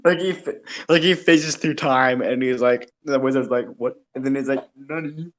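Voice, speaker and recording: A man's voice: mid-range voice, normal speed. A young man chatting casually on a podcast with friends, rambling and laughing, full of restarts and fillers.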